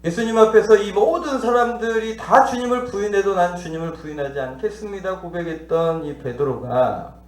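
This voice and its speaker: Male pastor, high-pitched, preaching with questions to the congregation and acted dialogue, in a reverberant church. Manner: teaching, asks the congregation questions and acts out dialogue. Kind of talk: sermon. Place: church sanctuary.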